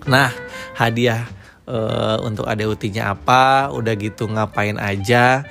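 A man's voice: medium pitch, fairly even intonation, takes it slowly, vocal fry, a bit bright, soft background music. A man, a father, talking in an easygoing, teasing way in a casual family chat.

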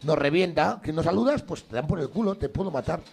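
A man from Spain with a rough, gravelly voice tells stories at a quick clip. His pitch swings high and wide as he jumps into loud impressions of people he meets. The delivery is animated chat between friends. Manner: animated storyteller, bursts into shouted impressions. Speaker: podcast co-host. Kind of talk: casual drinking-game chat.

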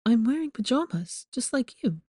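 A woman voicing a stubborn, worried young witch who speaks quietly. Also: on the high side, big pitch swings, moderate pace, slightly rough, no echo, studio quality, voice pushed up. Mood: stubborn worry. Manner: quiet, soft-spoken.

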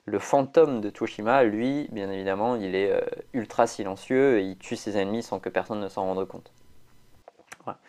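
A man's voice: fairly low pitch, normal speed, darkish tone. A man, chatting casually as a podcast co-host, rambling with lots of fillers and restarts. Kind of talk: casual chat.

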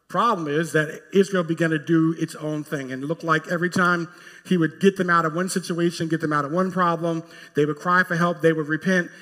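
A man preaching a sermon as pastor, telling a scripture story with emphatic rises to forceful peaks. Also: a little high, in a large hall.

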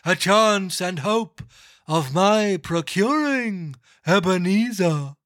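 A man's voice: expressive, fairly bright tone, no echo, studio quality, full character voice. A man doing a wailing chained ghost. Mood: mournful. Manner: drawn-out wailing delivery, voice rising high. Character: anguished male ghost in chains, mournful and solemn. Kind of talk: dramatic reading of a classic novel.

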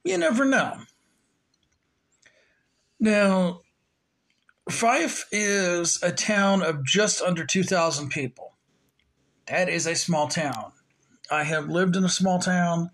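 A man with a high-sitting, fairly bright voice talks slowly as he hosts his solo podcast. The conversation is casual and meandering, packed with filler words.

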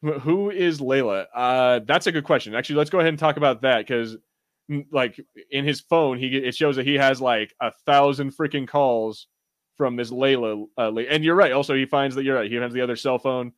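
A podcast co-host with a medium-pitched voice talks fairly quickly, with no echo on the recording. He's in a loose, slangy chat, joking, rambling and swearing a bit while reviewing a TV show and reading out the live chat.

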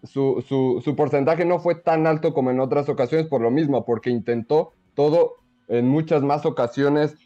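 A man giving conversational football analysis in a hesitant, measured way. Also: a little high, steady tone, muffled recording.

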